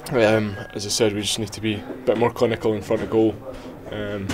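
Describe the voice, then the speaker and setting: A man's voice: on the low side, flat delivery, brisk, a crowd in the background. A young man, answering post-match interview questions with many ums and restarts. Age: 20s. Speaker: footballer. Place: small indoor press area before sponsor board.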